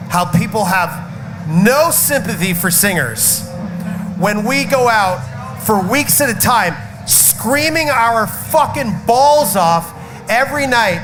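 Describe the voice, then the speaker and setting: Backstage at a festival, a rock band's singer talks casually in a very high voice, outspoken and emphatic, swearing along the way. He has a slight cough and cold. The audio is poor, with loud music in the background.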